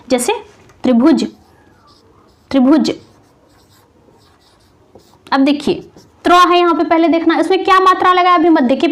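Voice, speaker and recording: A woman teacher explaining grammar patiently and step by step, asking rhetorical questions and repeating sounds slowly. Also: very high-pitched. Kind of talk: classroom grammar lesson.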